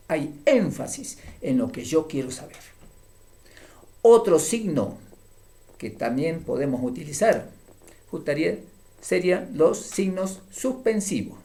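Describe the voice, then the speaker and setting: A man's voice: on the high side, warm tone. A man teaching a grammar lesson, explaining patiently and often checking in with short "mm?" tags.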